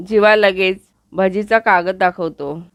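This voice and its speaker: A woman retelling a TV serial episode as a steady storytelling recap, speaking close to the mic. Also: medium pitch, takes it slowly, dry recording.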